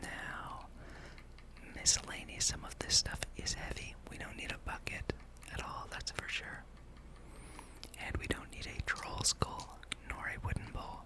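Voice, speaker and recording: Speaking only in a soft, breathy whisper right up against the microphone, a gaming host rambles ASMR-style while playing. The delivery stays casual and unhurried as the host muses along.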